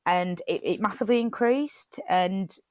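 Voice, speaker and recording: A woman's voice: mid-range voice, moderate pace, darkish tone, dry recording. Chatty woman with dry sound. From Britain. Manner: chatty, rambling, frequent fillers and restarts. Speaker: playwright and theatre director. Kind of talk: casual chat.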